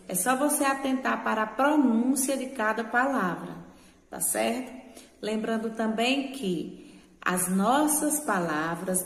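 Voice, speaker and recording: Woman, Brazilian accent, teacher, patient and repetitive, slightly high, roomy echo. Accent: Brazilian Portuguese. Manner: patient, repeats words slowly with tag questions. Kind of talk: remote classroom lesson. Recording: echoey room with long reverb.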